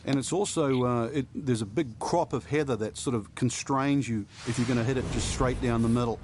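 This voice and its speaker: A man's voice: mid-range voice, fairly quick, a little mellow. A man giving unscripted, explanatory golf commentary as an analyst during live coverage. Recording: clear outdoor background noise.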